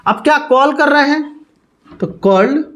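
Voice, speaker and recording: A man teaching English grammar as a step-by-step lesson, explaining slowly, spelling words out letter by letter and often checking in with "okay". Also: very high-pitched, a bit bright.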